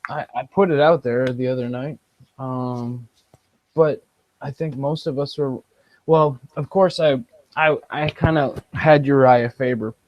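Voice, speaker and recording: A man's voice: medium pitch, steady tone, a little slow, no echo, highs cut off. A man co-hosting a podcast in casual chat, rambling with restarts. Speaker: podcast co-host.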